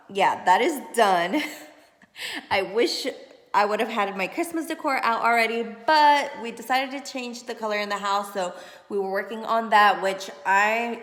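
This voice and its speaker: A woman's voice: medium pitch, fairly bright tone. A woman chatting casually in a home vlog, rambling and correcting herself as she goes, heard with a strong echo from a bare, empty room. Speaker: home vlogger. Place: freshly painted house with almost nothing set out. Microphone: phone camera she holds and flips around. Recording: very echoey bare room with long reverb.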